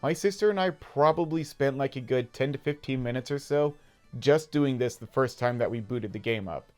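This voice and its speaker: A man's voice: mid-range voice, moderate pace, a little mellow, smooth, soft background music. A man in his thirties with an American accent, narrating personal gaming memories in a casual, conversational, nostalgic way. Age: 30s. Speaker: video game YouTuber. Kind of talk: casual personal storytelling voice-over.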